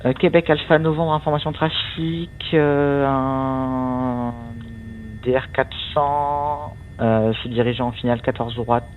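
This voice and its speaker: A man working as a tower controller, giving instructions over the radio in a halting delivery. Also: mid-range voice, fairly even intonation. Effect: aviation radio transmission. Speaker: air traffic tower controller. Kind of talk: air traffic control radio phraseology. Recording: tinny radio band with faint noise.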